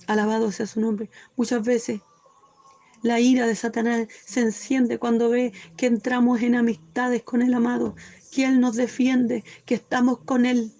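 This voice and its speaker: A woman's voice: fairly high pitch, flat delivery, a little slow, dark tone. A woman teaching a Bible study sermon, reading scripture aloud and explaining it fervently, often asking "cierto?" and breaking into praise.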